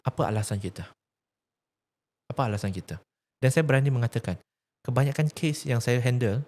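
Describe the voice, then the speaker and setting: A man's voice: mid-range voice, a little mellow. A man with a Malaysian accent, talking earnestly about faith, asking rhetorical questions and telling a teaching story. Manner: emphatic, preaching tone, rhetorical questions. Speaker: religious activist speaker.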